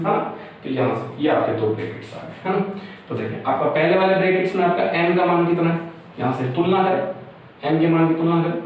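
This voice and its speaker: A man's voice: fairly high pitch, slight background noise. A young man teaching math step by step in a loose, conversational way, with frequent fillers and check-ins. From India. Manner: talks through each step, many fillers and checks. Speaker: math lecturer. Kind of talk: informal board lecture. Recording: echoey room, mic far off.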